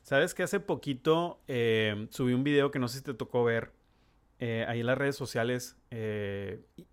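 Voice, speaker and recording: A middle-aged man speaks in an earnest, halting way, often restarting his sentences. His voice sits at an ordinary pitch as he chats with a guest. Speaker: neurologist podcast host. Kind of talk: conversational interview.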